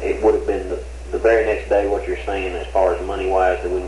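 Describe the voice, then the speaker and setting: Deep flat-voiced investigator on old interrogation tape. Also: male voice. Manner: measured, formal, methodical questions. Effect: old interrogation tape recording. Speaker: police investigator. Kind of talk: formal questioning in an interview. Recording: roomy old tape with faint hiss.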